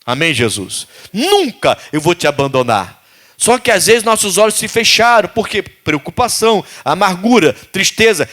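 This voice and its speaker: A male pastor preaching with a high, bright voice. He throws out questions to the congregation and slips into the cries of the people in his story. His sermon swings between loud calls and quiet asides.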